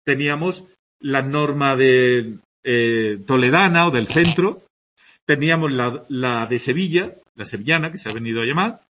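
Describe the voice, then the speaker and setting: At a moderate pace and medium pitch, with a voice that is a bit bright, an Andalusian-accented teacher from Andalusia delivers a conversational lecture on Spanish dialects. He sounds tired and regularly checks in with his students.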